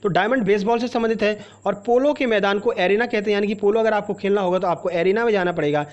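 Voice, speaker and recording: A man's voice: sits high, quick pace, lo-fi sound. A man teaching a general-knowledge quiz for exam preparation, reading out each question and its options, then explaining the answer to the viewer. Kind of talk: exam-prep quiz lesson.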